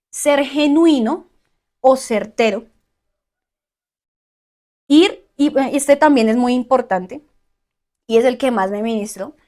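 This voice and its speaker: A woman teaching a Bible study, often checking in with her listeners and listing word meanings slowly. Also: fairly high pitch, a little mellow. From Colombia.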